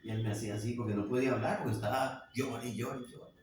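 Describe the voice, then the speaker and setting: A man's voice: medium pitch, steady tone, racing, noisy background. A man preaching a sermon in a church, from Colombia, often checking with the congregation by asking "right?". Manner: frequent questioning "¿sí?" to congregation. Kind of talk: sermon with personal story. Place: church hall. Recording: echoey church hall from far off.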